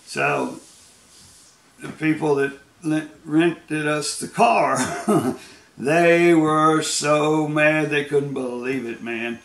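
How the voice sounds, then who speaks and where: A man's voice: fairly high pitch, drawn-out words, roomy sound. An American man telling rambling road stories in a casual, folksy way, often laughing as he goes. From United States. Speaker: storyteller. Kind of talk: casual storytelling.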